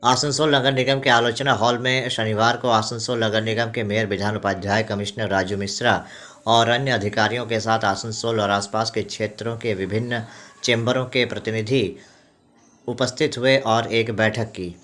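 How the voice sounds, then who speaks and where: A man reading local news reports in a formal, even, scripted delivery. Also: fairly low pitch, normal speed.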